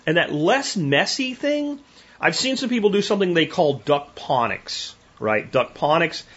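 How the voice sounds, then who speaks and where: A man's voice: a little high, sing-song, a little slow, a bit bright, highs cut off. A man hosting a homesteading show, talking casually and with strong opinions as he answers viewer questions. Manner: folksy, opinionated, with frequent restarts and tag questions. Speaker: homesteading podcast host.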